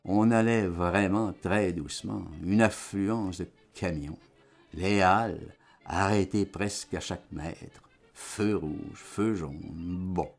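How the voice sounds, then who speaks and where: A man giving a lively, theatrical dramatized reading of a literary text as an audiobook. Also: low-pitched, slow pace, gravelly. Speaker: audiobook reader.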